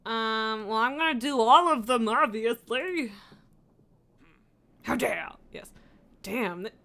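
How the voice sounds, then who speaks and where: A woman's voice: on the high side, a little slow, sharp tone. A woman streaming a game with casual, chatty commentary, playful and theatrical, swearing freely.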